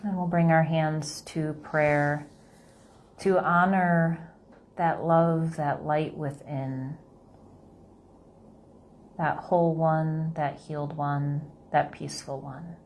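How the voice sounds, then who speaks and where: A woman leading a guided meditation in a calm, low, unhurried manner.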